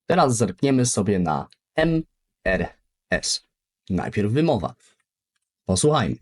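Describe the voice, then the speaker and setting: Slow, animated male language teacher. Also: on the low side. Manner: repeats each word slowly for practice, very lively intonation. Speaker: English teacher. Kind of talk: beginner language lesson.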